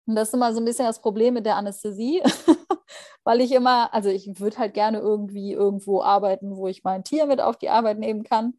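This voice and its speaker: A woman's voice: mid-range voice, steady tone, fairly quick, a little mellow, no echo, studio quality. A young woman, a junior doctor being interviewed, answering thoughtfully with many fillers and restarts. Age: young adult. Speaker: guest, junior anesthesia doctor.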